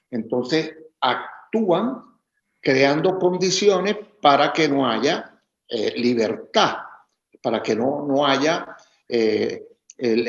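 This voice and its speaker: A man from Venezuela, a former ambassador, explaining his view in a measured way over a video call. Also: mid-range voice. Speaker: former ambassador, interview guest. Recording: roomy, dull lo-fi video call audio.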